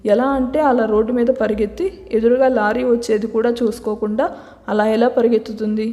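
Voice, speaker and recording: A woman's voice: a little high, steady tone, fairly quick, long reverb tail, natural voice. A woman voicing a young man, a hot-tempered son and husband who speaks sharply. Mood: agitated. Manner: sharp, irritable.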